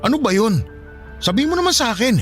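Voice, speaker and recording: A man's voice: extremely high pitch, big pitch swings, fast talker, faint music behind. A man acting in a radio drama as a young man who pleads and keeps asking questions, then apologizes. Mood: pleading.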